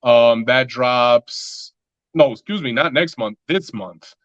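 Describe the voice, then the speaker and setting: A man's voice: medium pitch, slow, a bit bright, dry recording, lo-fi sound. A man talking as a musician guest in a casual interview, loose and rambling with lots of filler words.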